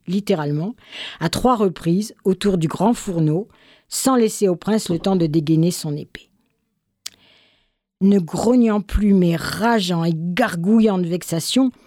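A woman reading a literary fairy tale aloud with measured, expressive narration. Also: lowish voice, no echo, clean studio sound. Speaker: storyteller.

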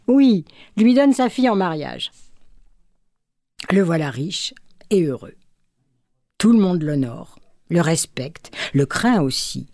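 Woman storyteller, low warm voice, expressive, dry close recording. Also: dry recording. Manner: expressive, measured telling. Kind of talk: reading a folk tale aloud.

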